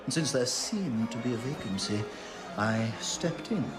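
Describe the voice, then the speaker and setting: Music runs beneath this game cutscene, where a man plays the theatrical, sly middle-aged thief king. Lightly acted, his mid-range voice has lively intonation and a measured pace as he drawls sardonic mockery.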